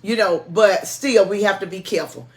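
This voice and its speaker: A woman's voice: medium pitch, moderate pace. Middle-aged woman, church music director co-hosting; homespun, cautioning, conversational delivery. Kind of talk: informal announcements and chat.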